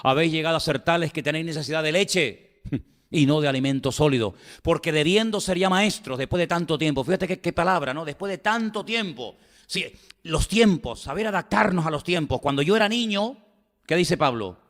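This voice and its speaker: A man preaching a sermon with a Spanish accent from Spain. His voice sits a little on the high side and trails a long echo through the church hall. He leans hard on repetition and keeps asking his listeners rhetorical questions. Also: expressive, a little fast, fairly bright tone. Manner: emphatic, repeats phrases, asks the congregation rhetorical questions. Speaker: pastor.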